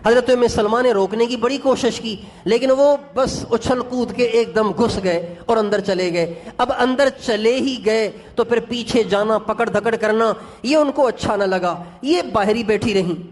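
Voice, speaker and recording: High-voiced man preaching a sermon. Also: hardly any pauses, a little hiss or hum. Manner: emotive, addresses the congregation directly. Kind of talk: sermon storytelling.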